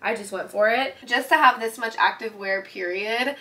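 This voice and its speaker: A woman's voice: on the high side, moderate pace, sharp tone, echoey room. A woman in her twenties, a lifestyle vlogger, chatting casually and upbeat while organizing her bedroom closet, filmed on a camera close by. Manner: chatty, upbeat, lots of "like" and "literally". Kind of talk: casual vlog narration. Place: small bedroom with closet, indoors.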